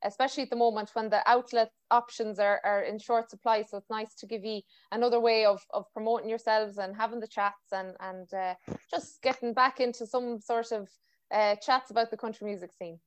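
A woman's voice: fairly high pitch, steady tone, fairly quick, clear, resonant tone, dry recording. A woman with a West of Ireland accent hosting a podcast in a chatty, informal interview style. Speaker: podcast host. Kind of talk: casual interview chat.

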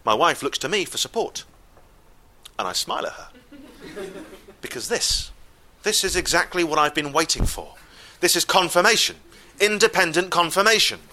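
A man telling a comic story live, wry and exasperated, with deadpan asides. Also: on the high side, moderate pace.

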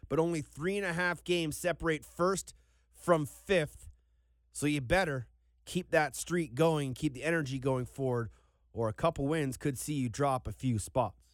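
A man's voice: fairly high pitch, a little slow, dry recording, studio quality. A man hosting a conversational sports recap as an analyst.

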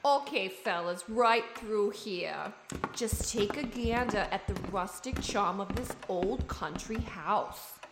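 A folksy estate agent, played by a woman, shows off an old house in slow, homespun sales talk. Her voice carries a roomy echo. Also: medium pitch, noisy background. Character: chatty, folksy older female estate agent.

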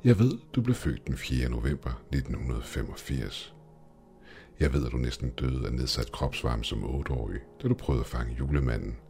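A man's voice: very deep voice, lively intonation, darkish tone, soft background music. A man voicing a mocking, goat-legged male demon shopkeeper in a horror story. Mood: smug. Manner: smug, taunting, hissing.

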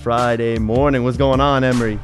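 A man co-hosting a casual sports show, laid-back and jokey, with a voice gone raspy from the morning. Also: medium pitch, level tone, a little fast, faint music behind. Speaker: podcast co-host.

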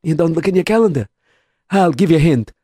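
A man's voice: a little high, expressive, fast talker, mellow, slightly rough, dry recording, studio quality, voice pushed up. A man voicing an elderly, fussy synagogue elder who repeats himself insistently. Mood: urging. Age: older.

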